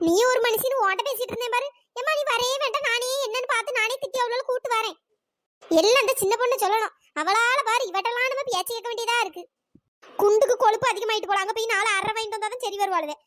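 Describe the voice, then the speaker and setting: A voice actor voicing a timid, gossiping village woman in a cartoon story, fretful and wailing, with a pitch-raised voice. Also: bright, forceful tone, no room sound. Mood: grumbling.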